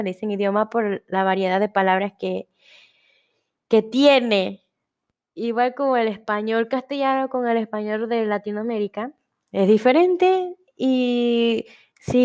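Her voice mid-range and a little mellow, a young woman with a Panamanian Spanish accent rambles through her solo podcast. The talk is casual and chatty, and she keeps interrupting herself mid-word.

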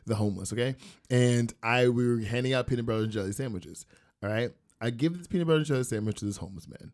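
A man's voice: mid-range voice, quick pace, a little mellow. A young man co-hosting a podcast, chatting casually and wandering into playful side stories. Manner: rambling, playful storyteller with side notes. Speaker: podcast co-host. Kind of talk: casual chat.

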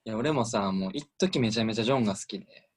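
A man's voice: lowish voice, quick pace. A young man with a Kansai accent, hosting a casual band radio chat, leading the talk with questions and enthusiasm. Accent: Kansai Japanese. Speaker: radio show MC.

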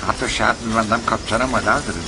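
A man's voice: on the low side, steady tone, natural voice. An actor dubbing a sarcastic, argumentative young male soldier in a war film. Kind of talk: dubbed war film scene. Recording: noisy outdoor film scene.

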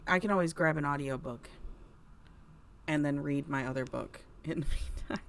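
A woman co-hosting a casual book podcast, talking softly and rambling, often trailing off. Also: deep voice, moderate pace, vocal fry. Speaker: podcast co-host. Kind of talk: casual chat.

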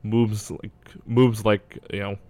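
Casual male sports analyst, low and flat delivery, clean dry sound, works out his thoughts as he speaks. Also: slow, no echo. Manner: hedging, thinking aloud. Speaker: basketball draft analyst.

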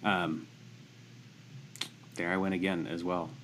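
A man's voice: low-pitched, level tone, slow, fairly bright tone, slight background noise, rough recording. A young man co-hosting a podcast, talking casually and hesitantly with many restarts. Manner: hesitant, stumbling restarts, apologetic. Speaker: podcast co-host. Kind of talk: casual chat about a movie.

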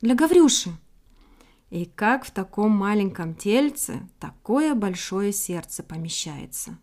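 A woman narrating a children's fairy tale in a gentle, expressive storybook reading. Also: mid-range voice, a little slow.

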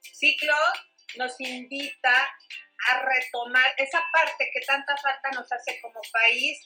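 A Mexican woman co-hosting a casual chat, speaking in a deliberate, heartfelt way. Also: sits high, steady tone, sharp tone, faint music behind, rough recording. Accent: Mexican Spanish. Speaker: co-host. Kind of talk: casual chat over coffee.

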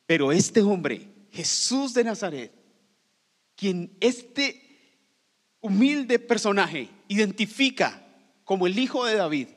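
Man, pastor, sermon, higher voice, dramatic shifts between loud and hushed, long hall echo. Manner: dramatic, swings from loud cries to near whispers.

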